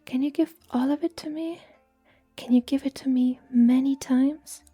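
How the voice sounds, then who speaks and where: A woman's voice: high voice, fairly even intonation, moderate pace, dark tone, no room sound, soft background music, lightly acted. A woman voicing a poor, clever young mortal man who asks things politely and earnestly, as whispered role-play.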